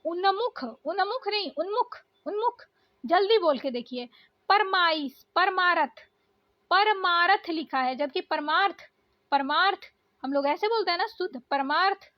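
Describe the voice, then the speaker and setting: High-voiced woman teaching spelling. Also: animated, normal speed, no echo. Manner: explains step by step, repeating each word. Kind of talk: exam-prep Hindi spelling lesson. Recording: dull, slightly lo-fi.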